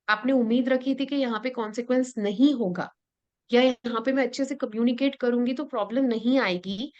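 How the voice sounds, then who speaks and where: Slow, patient Indian woman teaching. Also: on the high side, dull audio. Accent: Indian English. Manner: mixes Hindi and English, checks in with listeners; patient, step-by-step explaining. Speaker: workshop facilitator. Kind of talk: interactive online lesson.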